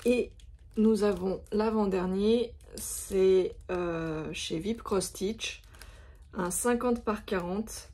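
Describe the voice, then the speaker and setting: A woman vlogger shows off her craft supplies in a casual, hesitant chat full of fillers. Her mid-range voice is warm with a breathy edge, and she speaks very slowly.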